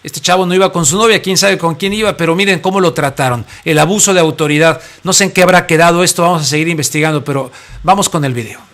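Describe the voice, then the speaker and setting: A man's voice: a little high, fast talker, fairly bright tone. A man with a Mexican Spanish accent hosting a talk show, telling stories in a chatty, joking way. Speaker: host. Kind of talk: casual talk show chat. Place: studio.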